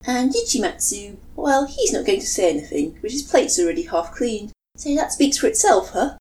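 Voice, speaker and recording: A woman's voice: a little high, big pitch swings, moderate pace, mellow, pitched above the performer's own voice. A woman voicing a cocky, teasing young man, the eldest brother. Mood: smug. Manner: smug, teasing.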